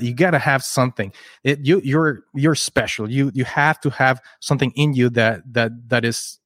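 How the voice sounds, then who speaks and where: A man's voice: mid-range voice, no room sound, clean studio sound. Man telling his story. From Chile. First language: Spanish. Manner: earnest, rambling, often restarts words. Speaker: podcast guest, entrepreneur. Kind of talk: casual interview storytelling.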